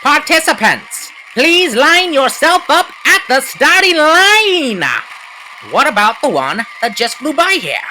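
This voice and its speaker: A woman voicing a formal race official in an anime fan dub, announcing rules in a deliberate, projected manner. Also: sits high, big pitch swings, bright, forceful tone, slight background noise, full character voice, low-quality recording. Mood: formal, instructive.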